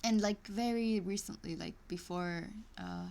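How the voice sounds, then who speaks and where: Her medium-pitched voice is darkish with vocal fry as this woman, unhurried, reads an online course aloud on a live stream. She's hesitant, full of ums and restarts, and slips into chatty asides and small laughs in this casual reading with commentary.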